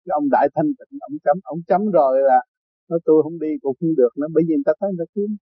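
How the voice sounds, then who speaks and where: Older Vietnamese man, husky high voice. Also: very fast, dry recording, narrow, tinny audio. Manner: storytelling, laughs often, acts out quoted voices. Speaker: spiritual teacher. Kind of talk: informal dharma talk.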